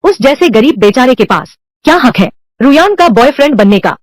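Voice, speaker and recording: Speaking briskly in a high, expressive voice, a woman dubs every character in a drama on her own. She reads male and female parts alike in one unchanged voice, and the recording has no echo.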